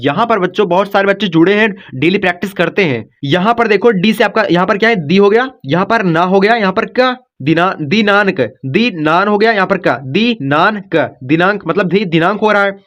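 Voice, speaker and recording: A man's voice: sits high, brisk, few pauses, a bit bright, lo-fi sound. A man from India teaching a step-by-step spelling lesson. He talks in a repetitive, coaxing way, checking in after nearly every line. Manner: repetitive, coaxing, says "ठीक" and "बच्चों" often.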